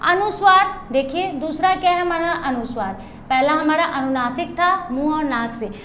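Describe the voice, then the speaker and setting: A woman's voice: sits high, moderate pace, fairly bright tone, slight background noise. A woman teacher explaining grammar for exam preparation, repeating key terms and asking and answering her own questions. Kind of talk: grammar lesson for exam prep.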